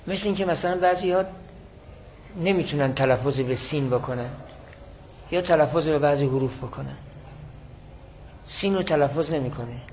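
A man teaching a class, explaining a classical text in a measured way and repeating his key points. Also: fairly high pitch, a little mellow, a little hiss or hum, low-quality recording.

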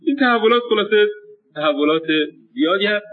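A man's voice: high voice, lively intonation. A man teaching a lesson on names and their pronunciation, thinking aloud with hesitations and restarts. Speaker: seminary teacher. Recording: distant, phone-like lo-fi recording.

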